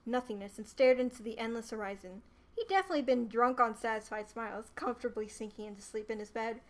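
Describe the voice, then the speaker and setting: A young adult woman streamer narrating a novel live, reading aloud in an expressive, theatrical way. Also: sits high.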